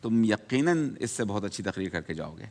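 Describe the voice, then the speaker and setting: A man's voice: on the low side, big pitch swings. Fatherly male judge in a reverberant studio. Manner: fatherly, calls students "beta", gentle but direct. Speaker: debate judge. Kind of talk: giving feedback to students.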